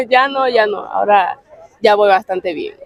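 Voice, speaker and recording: A woman from Cuba with a Cuban Spanish accent, giving soft, brief answers in a street interview. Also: medium pitch, measured pace. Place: outdoors on a street.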